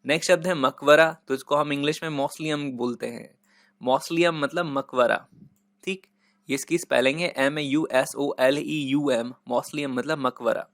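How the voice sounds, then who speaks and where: A man's voice: on the high side, steady tone, moderate pace, fairly bright tone, no room sound, studio quality. A man who teaches vocabulary in Hindi, patiently repeating each word and spelling it out letter by letter. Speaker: English teacher. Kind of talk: Hindi-English vocabulary lesson.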